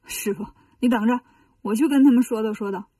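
A fearless monkey warrior barks bold, bossy orders, as a woman storyteller puts him on. The tone is mellow and a bit husky. It is recorded dry, slightly off the mic. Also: fairly high pitch, brisk, no echo, distant mic. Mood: eager. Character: brash, fearless male monkey warrior disciple.

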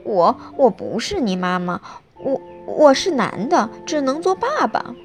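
A woman's voice: sits high, animated, unhurried, darkish tone, soft background music. A woman voicing a clever but flustered male fox who stammers as a reluctant father, in a bedtime storybook reading. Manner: stammering and sighing.

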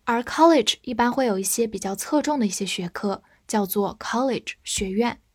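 A woman from China, a native Chinese speaker, teaching English vocabulary with clear, patient explanations and careful spelling. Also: a little high, moderate pace, darkish tone, dry recording, clean studio sound. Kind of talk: vocabulary lesson.

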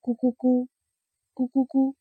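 A woman voicing a cuckoo bird that was once a mother, calling softly in a low, sad tone. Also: monotone, measured pace, slightly rough, no echo, narrow, tinny audio, faint music behind. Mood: mournful. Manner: soft, low, sorrowful calls.

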